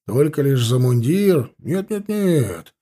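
A man voicing a good-natured middle-aged captain who scolds gently and easily. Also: mid-range voice, very animated, slow. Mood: scolding.

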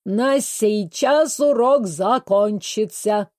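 A woman voicing a foreign male dance teacher who speaks slowly in broken, ungrammatical phrases. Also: medium pitch, darkish tone, dry recording, studio quality, natural voice. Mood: fretful. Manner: broken grammar, slow and deliberate.

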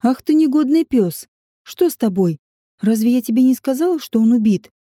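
A bold young huntress from a storybook adventure, commanding and sharp, snapping out quick exclamations, as a woman reader puts her on. Her voice sits fairly high but has a dark, warm tone, and the recording is dry and close. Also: expressive, dry recording. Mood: scolding.

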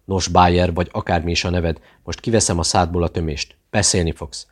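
A man's voice: low-pitched, fairly even intonation, slightly rough. A man voicing a menacing interrogator who hisses threats at a captive in an audiobook.

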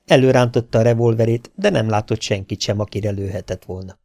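A man narrating a western adventure audiobook in a steady, even storytelling manner. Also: lowish voice, dry recording. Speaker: audiobook reader. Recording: dry home audiobook recording.

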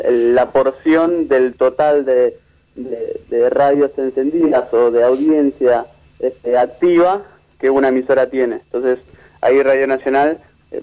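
Guy explaining media stuff, lots of "eh" and "este", kinda muffled lo-fi sound. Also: mid-range voice. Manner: measured, analytical, with frequent fillers and restarts. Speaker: media researcher and lecturer. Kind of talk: interview guest analysis.

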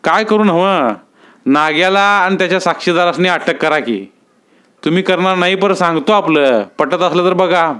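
A man's voice: sits high, normal speed, fairly bright tone, smooth, pitched above the performer's own voice. A man reading a story aloud, voicing Dajiba, a blunt, scheming village man with rustic speech.

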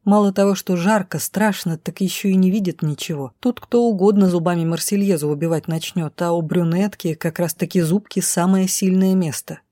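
Woman narrator, dramatic audiobook reading, low voice, dark mellow tone, dry close sound. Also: brisk, few pauses, no echo. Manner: voices the characters' lines herself, tense and urgent.

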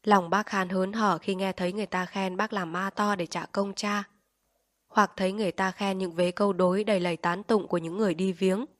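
A woman narrating an audiobook in a calm, measured storytelling voice. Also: mid-range voice, no room sound, clean studio sound. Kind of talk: audiobook reading.

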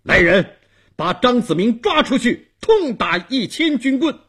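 A furious warlord king, as a male storyteller acts him out, barking orders with a rough, husky edge. His voice leaps high and swings wildly as he thunders at his men, slow and weighty between the shouts. He sounds stern and commanding in a spoken storybook. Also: very animated, heavily acted. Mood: thundering.

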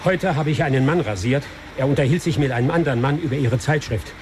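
An actor playing a humble barber in a radio drama, a beaten victim who speaks earnestly and imploringly. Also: male voice, fast talker, darkish tone, a little hiss or hum, natural voice. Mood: pleading. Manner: earnest, imploring, rising in pitch when upset.

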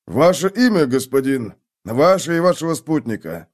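A man voicing a gruff city guard sergeant who speaks curtly and mocks his prisoners. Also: on the high side, sing-song, moderate pace, voice pushed up. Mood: mocking. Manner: curt, growling, mocking. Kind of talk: audiobook character voice.

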